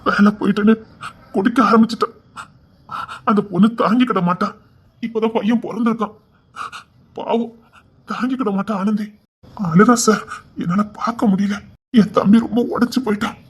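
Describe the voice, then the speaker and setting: Man playing a desperate elder brother, begging and repetitive, highish voice, Tirunelveli Tamil accent. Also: steady tone, moderate pace, long pauses, slightly rough. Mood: pleading.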